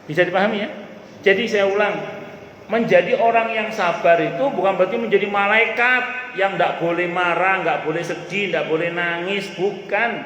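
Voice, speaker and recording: A male preacher, giving a lively religious talk in casual speech to a live audience, repeating his main points. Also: high voice, normal speed. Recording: echoey hall with faint room noise.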